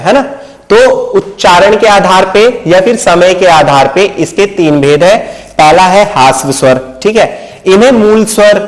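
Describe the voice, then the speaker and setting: A man from Uttar Pradesh teaching a Hindi lesson, his voice sitting fairly high. He mixes English words into his Hindi, asks questions and answers them himself, and keeps checking that his students follow. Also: poor audio. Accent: Hindi mixed with English words. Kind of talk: explanatory video lesson.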